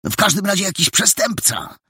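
A man's voice: sits high, sing-song, normal speed, bright, forceful tone, breathy edge, no echo, voice pushed up, full character voice. A man doing a wry, doubting boy. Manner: dry, doubting questions. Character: skeptical, wry boy detective.

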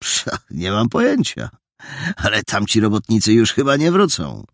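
A man's voice: on the low side, huge pitch swings, moderate pace, creaky, dry recording, studio quality, voice pushed up, exaggerated voice. A man doing a curious, easygoing young man. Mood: questioning.

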